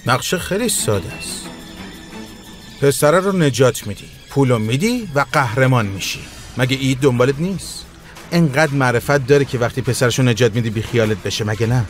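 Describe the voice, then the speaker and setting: A man voicing a scheming kidnapper who calmly explains his plan to his uncle. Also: mid-range voice, soft background music, natural voice. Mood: smug scheming. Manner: scheming, smug. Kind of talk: dubbed TV drama.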